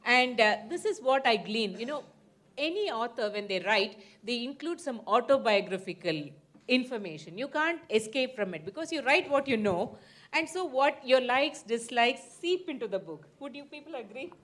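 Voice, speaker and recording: A woman's voice: fairly high pitch, expressive, normal speed, a bit bright. A woman moderating a live panel informally, chatty and playful with frequent asides. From Mysore, India.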